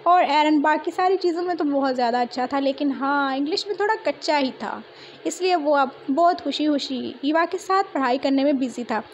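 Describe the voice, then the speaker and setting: A woman's voice: sits high, normal speed, a little hiss or hum. A young woman narrating a story in a chatty, conversational way.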